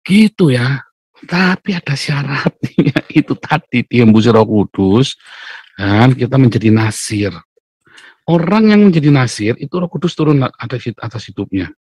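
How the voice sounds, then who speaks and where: A male pastor, preaching a lively morning devotional sermon, loudly acting out quotes and laughing often. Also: medium pitch, unhurried, slightly rough, dry recording.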